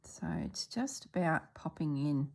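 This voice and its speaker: This stitching vlogger, a middle-aged woman from Australia, talks casually and chattily as she works on her stitching, using a low voice at a measured pace. A bit of congestion comes through, along with some throat-clearing, and at times she trails off into quiet murmurs.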